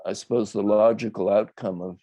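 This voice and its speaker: An older man, a documentary filmmaker, talks reflectively in an interview, choosing his words in a thoughtful, measured and hesitant way. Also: fairly low pitch, steady tone, dark tone, no echo.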